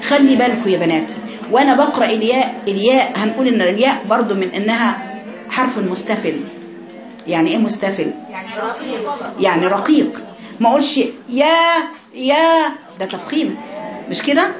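Egyptian woman teaching Quran recitation. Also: on the high side. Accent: Egyptian Arabic. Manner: demonstrates sounds by repeating drawn-out syllables. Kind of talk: classroom tajweed lesson. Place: classroom with women students. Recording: echoey room with crowd noise.

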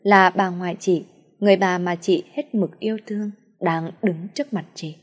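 A woman narrating a sad audio story in a calm, sorrowful storytelling manner. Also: on the low side, normal speed.

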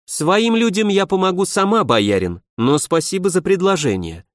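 A man's voice: high voice, big pitch swings, moderate pace, no echo, pitched above the performer's own voice. A commanding young princess, put on by a male narrator, rules her court in a clipped, raised voice that rises and falls sharply. Each order comes out short and final. The sound is close and dry. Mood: stern. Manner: commanding, curt.

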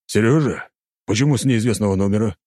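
A man's voice: fairly low pitch, fast talker, warm tone, dry recording, clean studio sound, pitched above the performer's own voice, natural voice. A man voicing a stern middle-aged count speaking to his son on the phone. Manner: stern, clipped, commanding.

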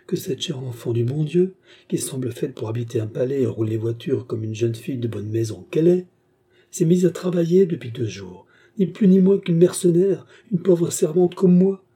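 A man's voice: lively intonation, moderate pace, warm tone, slightly rough. A man reading the part of a devoted, emotional old servant woman in a fervent, raised voice. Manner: fervent, pleading, high-pitched.

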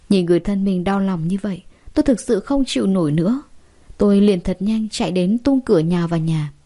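A woman's voice: medium pitch, dark tone. A woman narrating a first-person story in an emotive, chatty way.

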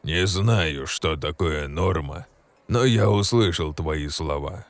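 A man voicing a stern aged orc shaman who speaks in slow, ceremonial pronouncements. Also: rumbling low, big-room sound, voice pushed down, exaggerated voice.

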